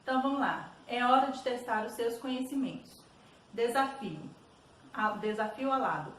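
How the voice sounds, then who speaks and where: A woman's voice: on the high side, normal speed, a bit bright. A Brazilian woman teacher explains exercises to her students patiently, checking in often with little questions. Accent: Brazilian Portuguese. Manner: patient, repeats "tá bom?" checks. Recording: roomy echo, distant mic, faint noise.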